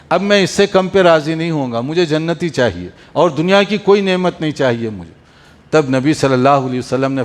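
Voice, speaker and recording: A man giving an earnest mosque sermon, urging his listeners and chanting Arabic quotations. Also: on the high side. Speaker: preacher. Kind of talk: mosque lecture after night prayer. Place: mosque hall. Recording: long hall reverb.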